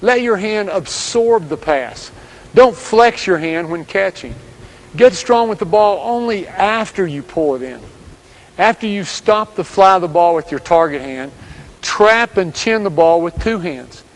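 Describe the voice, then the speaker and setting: A man giving scripted instructional narration as a basketball coach, speaking in steady, direct commands. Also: high-pitched, a little slow, low-quality recording.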